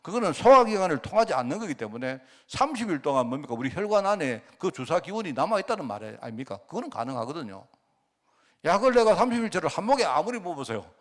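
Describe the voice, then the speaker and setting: Animated Gyeongsang pastor preaching. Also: male voice, a little high, fast talker. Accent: Gyeongsang Korean. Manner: storytelling, rhetorical questions, animated. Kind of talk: sermon.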